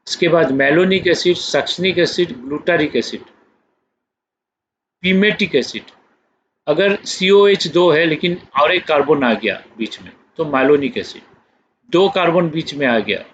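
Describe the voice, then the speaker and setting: Man teaching chemistry, talks real slow and walks through each step, faint hiss behind, muffled lo-fi sound. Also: a little high, fairly bright tone. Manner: slow, explains step by step, checks understanding. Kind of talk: classroom lecture. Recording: dull lo-fi recording with faint noise.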